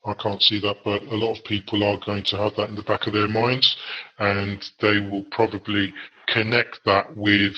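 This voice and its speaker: A man from England answers in an interview with a low, flat voice that barely rises or falls. He is measured and hesitant, filling pauses as he goes. The audio is dull and lo-fi. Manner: measured, hesitant with frequent fillers. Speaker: guest researcher.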